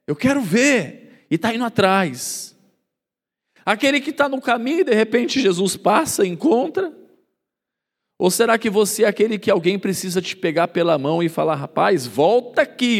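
A man preaching a sermon, emphatic, asking rhetorical questions and acting out the voices he quotes. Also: a little high. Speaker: pastor. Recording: long hall reverb.

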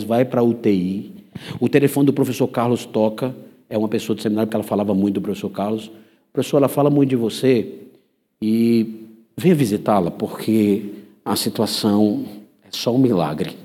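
A man with a Brazilian Portuguese accent preaching a sermon, telling a story with animated voices. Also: fairly low pitch, breathy edge. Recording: reverberant church hall.

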